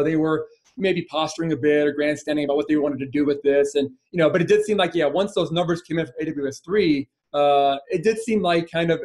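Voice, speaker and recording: A man in his forties hosts a conversational interview from a studio, rattling along at a quick clip. His voice sits slightly high, and he hedges and circles his points with plenty of fillers. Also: darkish tone. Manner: rambling, hedging, many fillers. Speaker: interview host. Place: studio with printed logo backdrop.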